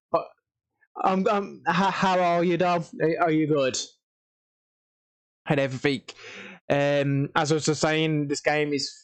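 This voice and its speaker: Tired guy rambling on his stream, lots of ums and restarts, voice a bit high. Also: smooth. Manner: rambling, repeats stock phrases, many ums and restarts. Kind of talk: casual livestream chat.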